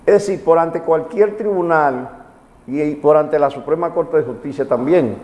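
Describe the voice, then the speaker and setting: Man, Dominican Caribbean accent, fairly high voice, didactic legal explainer, repeats key points, long room reverb. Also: moderate pace, darkish tone. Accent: Dominican Spanish. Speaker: magistrate, legal commentator on a TV programme. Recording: reverberant hall-like sound.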